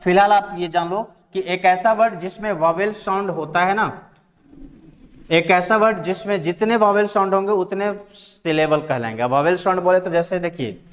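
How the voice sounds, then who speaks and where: Male grammar teacher, higher voice, long hall echo. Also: moderate pace. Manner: addresses viewers as friends, spells words letter by letter. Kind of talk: classroom-style lesson explanation.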